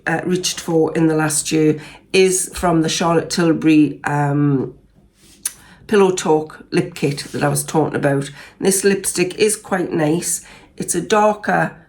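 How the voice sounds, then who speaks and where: A woman in her sixties with a Geordie accent, a beauty vlogger, chats through her favourite makeup in a relaxed, rambling review full of ums and restarts. Her slightly low voice has a gravelly fry, made croakier by a cold, and she speaks a little slowly.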